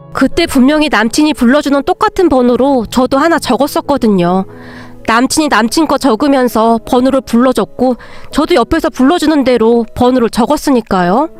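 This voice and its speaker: A woman narrating a first-person story in a steady, plain storytelling manner. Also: high voice.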